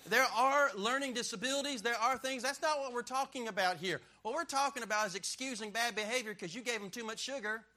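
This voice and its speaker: Fairly quick and with hardly any pauses, this middle-aged preacher delivers his sermon in a high, cutting voice that rings sharply at the top, bright and forceful. He drives every point home, trades quips with his listeners, and relies on call-and-response.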